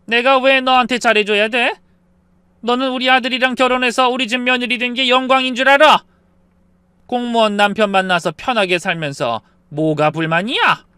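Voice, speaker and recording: A man's voice: very high voice, steady tone, normal speed, pushed and bright, clear, resonant tone, no echo. A man voicing a domineering older mother-in-law in a story reading, speaking with cold, belittling scorn. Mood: scornful.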